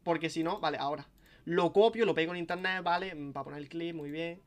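A young man streams and chats on and on. His voice sits somewhat high for a man, and his sentences restart often and carry casual swearing. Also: quick pace. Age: young adult. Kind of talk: casual live-stream chat.

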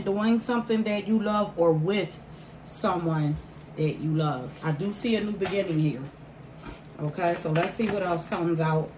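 A woman giving a casual tarot card reading to viewers, pausing mid-phrase and repeating phrases for emphasis. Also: mid-range voice. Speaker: tarot reader. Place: indoor room at a table by a window. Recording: roomy, distant mic, faint background noise.

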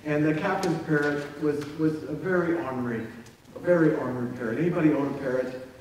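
Folksy pastor in an echoey church. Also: male voice, fairly high pitch, a little mellow, recorded from a distance, slight background noise. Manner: folksy, halting, self-deprecating. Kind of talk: sermon with a told joke. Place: church sanctuary. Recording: echoey church recorded from afar.

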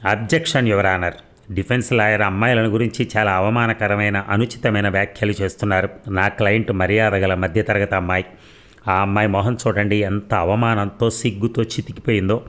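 A man's voice: lowish voice, fairly even intonation, a little fast, fairly bright tone, lightly acted. A man voicing an indignant prosecutor in a courtroom story, objecting insistently.

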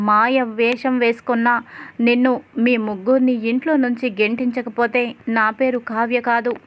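A woman's voice: a little high, muffled recording, lightly acted. A woman voicing a determined young wife who speaks firmly and makes vows. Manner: firm, vowing.

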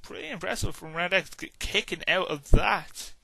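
A man's voice: sits high, moderate pace, gravelly, pushed and bright, slight background noise. A tired man casually calling a video game wrestling match as commentator, rambling and humming between moves. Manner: casual, rambling, hums and sings to himself between calls. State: tired, yawning.

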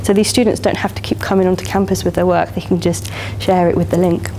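Perempuan Inggris bersemangat memberi presentasi utama di aula kuliah, suara hangat lembut, sedikit desis latar. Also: female voice, on the low side, little pitch movement, fast talker, warm tone, a little hiss or hum. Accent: English. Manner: enthusiastic, chatty, many "you know" fillers. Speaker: keynote speaker. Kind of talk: conference keynote talk. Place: lecture hall, standing by a lectern.

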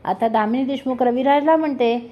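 A woman's voice: high-pitched, fairly quick, mellow. A woman casually retelling the plot of a TV serial, briefly voicing each character's quoted lines as she goes. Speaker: serial recap narrator. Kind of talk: casual storytelling recap. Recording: dull lo-fi audio.

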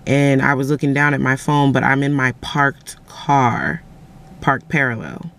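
A young woman vlogs casually to her camera, rambling through stories and saying "like" constantly. Her voice is extremely low, a little slow and creaky, with a fairly bright tone. Holding the camera at arm's length, she records first in a parked car and later in her kitchen at home.

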